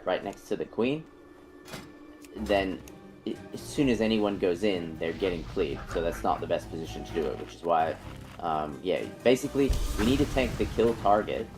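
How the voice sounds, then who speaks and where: A man's voice: deep voice, darkish tone, poor audio. A man leading a game raid over voice chat, explaining positions in a rambling way with many fillers and restarts. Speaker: raid leader.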